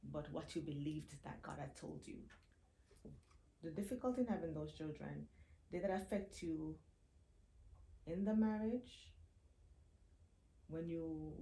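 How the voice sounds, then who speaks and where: A woman's voice: low-pitched, gravelly, warm tone. A woman hosting a casual interview, recapping her guest's story and checking details with "right?". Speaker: interview host. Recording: echoey room with faint ambient noise.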